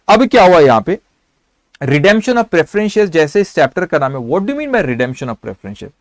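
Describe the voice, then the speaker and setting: High-voiced man giving a storytelling lecture. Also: dry recording. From India. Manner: explains through repetition and storytelling, addresses students directly. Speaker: accounting lecturer. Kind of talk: classroom lecture.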